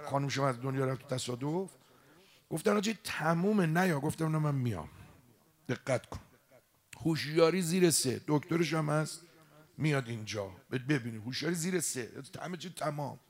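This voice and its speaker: A man preaching in a mosque gathering, telling devotional stories with passion and speaking directly to the congregation. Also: on the high side. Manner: impassioned, addresses the congregation directly. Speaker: religious eulogist preacher. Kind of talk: emotional sermon storytelling.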